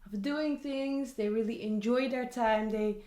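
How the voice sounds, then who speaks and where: In an echoey room, a young vlogger from the Netherlands talks casually on camera about a book she's read, full of asides. Her voice is on the high side and warm, delivered at a measured pace.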